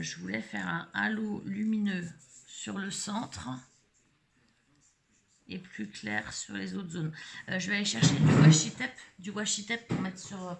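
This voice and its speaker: A woman's voice: medium pitch, creaky. A middle-aged woman casually demonstrating a craft technique live, rambling with many hesitations and fillers. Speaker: scrapbooking vlogger.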